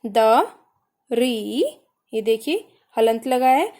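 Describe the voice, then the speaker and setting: A woman's voice: fairly high pitch, expressive, very slow, darkish tone. A woman teaching a grammar lesson to children, patiently spelling out syllables one by one and asking questions that she then answers herself.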